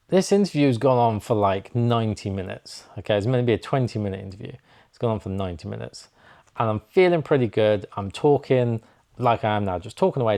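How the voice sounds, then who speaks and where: A creaky, fairly low voice belongs to a young snowboard instructor chatting to the camera. He narrates an anecdote with plenty of animation, voicing each quoted exchange.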